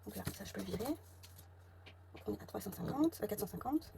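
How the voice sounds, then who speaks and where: With lively intonation and a fast, mid-range voice, a woman from the south of France thinks aloud while counting her budget envelopes at home, murmuring figures under her breath. She speaks with a southern French accent, and clicks and clear background noise run through the recording.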